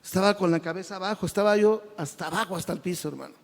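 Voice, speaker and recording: A man tells his conversion story before a congregation, his voice somewhat high for a man. He speaks with feeling and trips over repeated words as he goes. A long reverb trails each phrase, as in a large hall. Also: very fast, creaky. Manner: emotional, stumbling repetitions, addresses listeners as brother. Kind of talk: church testimony.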